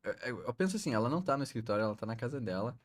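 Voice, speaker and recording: A man's voice: mid-range voice, animated, rapid-fire, over a noisy crowd. A man with a Brazilian accent casually directing his video editor at work, pushy and full of slangy examples. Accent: Brazilian Portuguese. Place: workplace, with a colleague.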